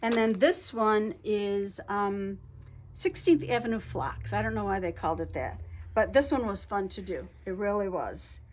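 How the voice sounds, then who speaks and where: A woman giving a casual show-and-tell tutorial on her quilting projects, chatty, talking fast and a lot with frequent restarts. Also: medium pitch, animated. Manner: chatty, talks fast and a lot, self-interrupting. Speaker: quilt shop co-owner showing projects.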